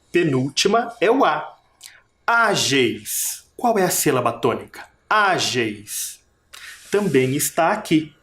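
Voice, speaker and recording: A primary school teacher giving a recorded video lesson, patiently stretching words out and sounding out each syllable while asking the children questions. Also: medium pitch. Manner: patient, asks the class questions.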